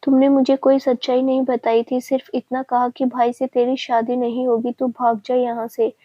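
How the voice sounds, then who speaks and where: A woman reading the lines of a hurt, defiant young woman in a family story, with a husky voice. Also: sits high, little pitch movement, normal speed, mellow, no room sound. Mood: bitter. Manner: bitter, defiant. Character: hurt, bitter young woman cutting off a friend. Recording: dry, dull lo-fi sound.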